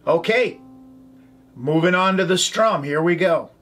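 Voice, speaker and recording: Unhurried and a bit bright, this man's high-sitting voice leads an instructional ukulele tutorial with soft music and ukulele playing behind it. He calls chords and strums aloud and chants rhythm syllables.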